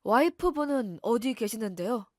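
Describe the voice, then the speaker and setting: A woman voicing a calm, courteous male police officer at the door. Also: fairly high pitch, normal speed, dry recording, studio quality. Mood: formal.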